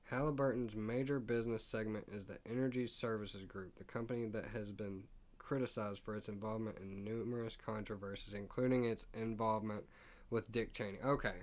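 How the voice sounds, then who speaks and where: A man's voice: on the low side, steady tone, brisk. A man hosting a casual stock market live stream, thinking aloud as he reads prices and figures off the screen. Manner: reads text aloud with stumbles and asides. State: hiccuping.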